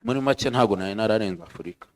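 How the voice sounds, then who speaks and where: A man from Rwanda shares his faith testimony at church in a fairly low voice. He speaks earnestly in short bursts, stopping after each phrase so it can be translated. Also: very fast. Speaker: church member giving testimony.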